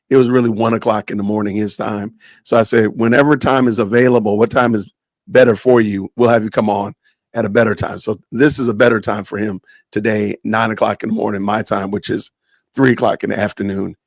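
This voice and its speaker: A man's voice: on the low side, steady tone, fairly quick, dry recording. A man hosting a live stream podcast, casual and joking, often saying "man" and "y'all", talking over a video call. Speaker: podcast host.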